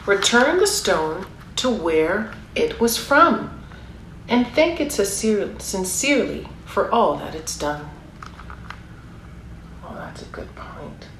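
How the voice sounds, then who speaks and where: Speaking slowly in a mid-range, fairly bright voice, a woman reads a picture book to young children with great animation. She adds chatty, encouraging remarks and asks her listeners questions. The room echoes, and background noise is clearly audible.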